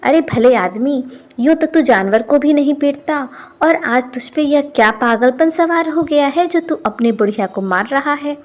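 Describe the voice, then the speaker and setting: A woman's voice: sits high, expressive, normal speed. A woman voicing a bossy middle-aged village headman who scolds and commands. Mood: scolding.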